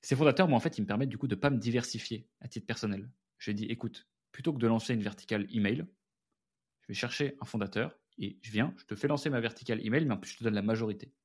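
A French man hosting a casual solo podcast, talking candidly and chatting straight to his listeners as friends. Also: lowish voice. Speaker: podcast host and founder.

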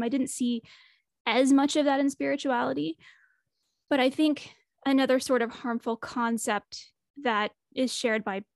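Woman guest on a podcast, earnest and thoughtful, kinda worn voice, high pitched, dry close sound. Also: no echo. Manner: reflective, earnest, thinks aloud. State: losing her voice. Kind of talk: casual interview conversation.

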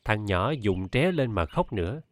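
A man with a lowish voice narrating a novel for an audiobook. He reads in a steady, measured storytelling manner. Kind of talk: scripted narration.

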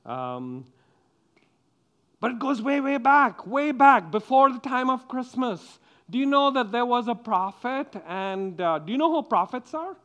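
A man's voice: extremely high pitch, big pitch swings, unhurried, fairly bright tone, highs cut off. A man giving a playful children's sermon as pastor, coaxing the kids and the congregation with questions.

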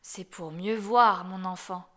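A woman voicing a sly, hungry male wolf in a storybook, speaking softly and coaxingly. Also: medium pitch, steady tone, takes it slowly.

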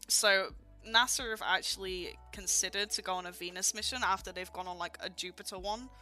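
A woman's voice: medium pitch, fairly even intonation, brisk, sharp tone, faint music behind. A young woman chatting casually as a podcast co-host, stammering through restarts and using slang. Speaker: podcast co-host, channel moderator. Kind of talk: casual chat.

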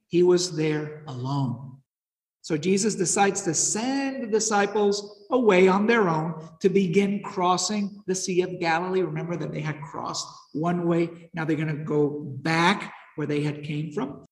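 A man teaching a Bible lesson in a conversational way, often asking listeners questions and retelling the story with energy. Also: sits high. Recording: echoey hall.

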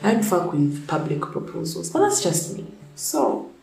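Young woman, sick and slightly off voice, blunt and profane, animated pitch swings, lowish voice, roomy echo, faint guitar behind. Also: moderate pace. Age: young adult. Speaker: vlogger. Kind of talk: casual opinion vlog.

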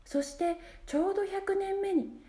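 A woman voicing a kind young fairy who speaks loudly in a formal, comforting way, in a storybook reading with room echo. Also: moderate pace. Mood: reassuring. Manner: loud, bright-pitched, formal and comforting. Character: kind young female fairy, earnest and reassuring.

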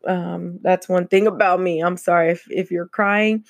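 A woman's voice: lowish voice, steady tone, moderate pace, no room sound, clean studio sound. A woman hosting her own podcast, talking casually and laughing often between many fillers. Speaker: podcast host. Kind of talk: casual solo podcast chat.

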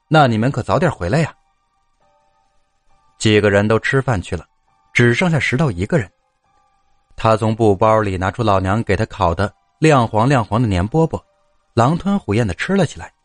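A man narrating a folk story in a steady, even storytelling manner. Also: lowish voice, no echo.

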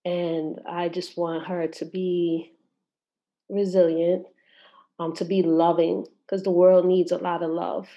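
A mother speaking as a podcast guest, giving soft-spoken, faith-filled encouragement. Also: on the low side, flat delivery, slow pace, lo-fi sound. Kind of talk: heartfelt podcast message.

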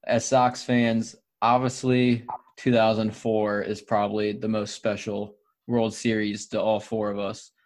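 A man's voice: on the low side, monotone, a little slow, a little mellow. A man chatting on a sports podcast as a guest co-host, upbeat and teasing. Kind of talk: casual podcast chat.

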